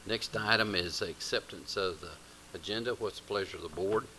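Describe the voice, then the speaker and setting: A man's voice: low-pitched, normal speed, bright, forceful tone. A man with a Southern US accent chairing a county commission meeting in an informal procedural way. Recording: very noisy meeting room microphone.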